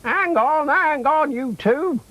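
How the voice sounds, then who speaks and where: A man's voice: very high-pitched, expressive, takes it slowly, fairly bright tone, voice pushed up, heavily acted. A man voicing a feisty, teasing old granny with a rustic, mock-scolding manner in a children's story. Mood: teasing, brisk.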